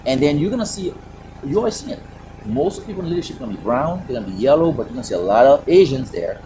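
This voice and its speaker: Speaking very fast in a medium-pitched, sing-song voice, a man with a Haitian accent joins a virtual panel discussion by video call as an Air Force operations director. He's passionate and emphatic, asking rhetorical questions, and background noise is audible.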